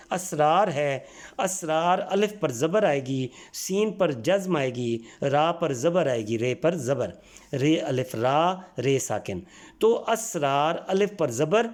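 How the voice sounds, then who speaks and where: A man's voice: fairly high pitch, darkish tone. A man from Pakistan teaching a school language lesson, patiently going through the exercises and spelling out words sound by sound. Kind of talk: explaining textbook exercises.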